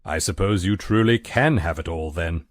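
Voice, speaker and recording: An actor playing a prim, long-suffering butler with formal, dry politeness in a game. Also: male voice, low voice, normal speed, dry recording, lightly acted. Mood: dry, polite.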